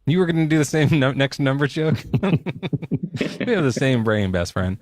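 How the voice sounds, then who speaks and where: A male podcast host in his home garage jokes around loosely in a casual debate chat, swearing plenty. His mid-range voice is darkish, lively in intonation, and moderately paced, with no room sound.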